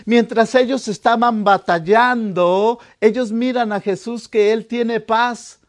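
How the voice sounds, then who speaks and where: A man preaching a sermon, telling a story dramatically and swinging from hushed lines to shouted ones. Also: extremely high pitch, fairly even intonation, takes it slowly. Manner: dramatic, acting out the disciples' voices.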